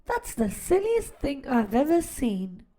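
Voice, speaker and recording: A woman's voice: high-pitched, big pitch swings, takes it slowly, dark tone, heavily acted. A woman voicing an unimpressed female farm cow in a children's storybook read-aloud, speaking with dry, mocking disbelief. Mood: scoffing.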